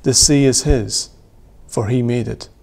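A man in his thirties leading worship as a priest, reading prayers in a measured, solemn way in a small church room. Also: medium pitch, creaky, darkish tone. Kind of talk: liturgical reading.

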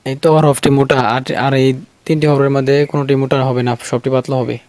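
A man teaching Quran recitation who explains where the tongue touches the teeth and repeats each syllable slowly and patiently for the viewer to copy. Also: mid-range voice, level tone, a little mellow, no echo. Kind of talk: slow drilled pronunciation lesson.

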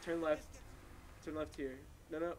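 A man's voice: on the high side, steady tone, measured pace, a little hiss or hum. A young man hosting a casual let's play, teasing his friends and laughing often. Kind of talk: casual gameplay commentary.

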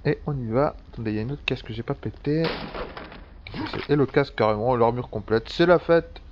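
A man's voice: mid-range voice, brisk, background noise. Male let's-play commentator, casual, swears freely, muffled home recording. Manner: chatty, swears a lot, thinks aloud. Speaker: gameplay commentator. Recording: dull lo-fi sound with faint background ambience.

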